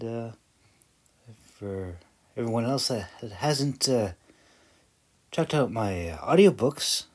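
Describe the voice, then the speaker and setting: Husky and mid-range, this male video creator and amateur audiobook narrator rambles casually through a vlog voice-over. He sounds hesitant, pokes fun at himself and chuckles along the way.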